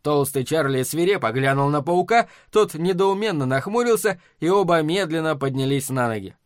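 Мужчина-чтец с довольно высоким голосом. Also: male voice, fairly high pitch, expressive, normal speed, no echo, studio quality. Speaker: audiobook narrator. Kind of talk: scripted narration.

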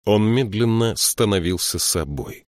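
A man narrating a fantasy audiobook in a steady, measured storytelling voice. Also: on the low side, no room sound, clean studio sound. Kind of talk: scripted narration.

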